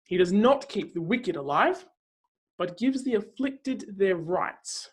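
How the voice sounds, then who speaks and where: Playing a zealous counselor, a woman proclaims God's might in a dramatic, declamatory scripture reading marked by deliberate pauses. Her medium-pitched voice is expressive, and the mood is earnest and assured.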